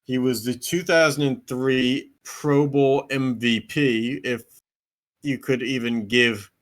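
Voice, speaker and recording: Young man with dry asides, mid pitch. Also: fairly even intonation, slow pace. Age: young adult. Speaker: podcast co-host. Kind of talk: casual sports chat.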